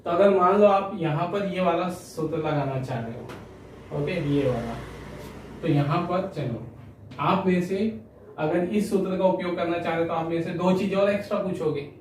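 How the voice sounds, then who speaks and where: A physics teacher gives a classroom lecture in a high voice at a moderate pace, explaining by asking and answering his own questions and often adding "है ना." The recording is in an echoey room, with his voice a bit distant and a faint hiss.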